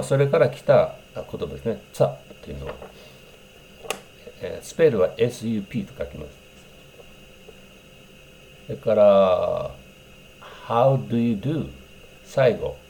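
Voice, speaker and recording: A man's voice: on the low side, expressive, measured pace, vocal fry, pauses often, mellow, slight background noise. A man explaining English greetings in a casual lesson, thinking aloud with many fillers and breaking into example phrases in English. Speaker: English teacher.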